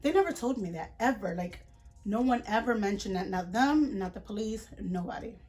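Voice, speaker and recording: A young woman tells a story to her vlog audience in a casual, indignant voice. She talks in quick runs of retold dialogue with plenty of fillers and restarts. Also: mid-range voice, expressive, a little mellow, soft background music. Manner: indignant, chatty retelling with many fillers. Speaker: vlogger.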